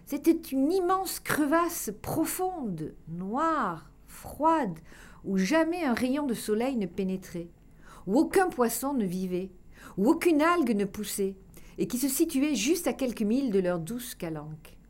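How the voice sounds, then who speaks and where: A woman reading a children's tale aloud, expressive and dropping to a hush for dramatic passages. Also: fairly high pitch, a little slow. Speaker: storyteller.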